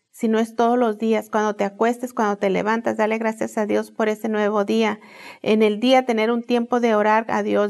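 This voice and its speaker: A woman's voice: on the high side, creaky, a little mellow. A middle-aged woman, giving an earnest devotional talk to women, repeating phrases and often asking "¿verdad?" to draw in her listeners. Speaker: women's ministry teacher.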